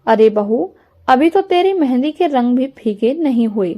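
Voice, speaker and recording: A woman's voice: high voice, expressive, unhurried, lo-fi sound. A woman voicing a kind, doting older mother-in-law who fusses affectionately, in a storybook reading. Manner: affectionate, fussing.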